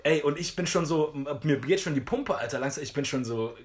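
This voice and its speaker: A man's voice: a little high, fairly quick, crowd noise. A man, telling a story in casual chat and saying "Alter" a lot. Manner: animated slangy storyteller, says "Alter" a lot. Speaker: podcast co-host.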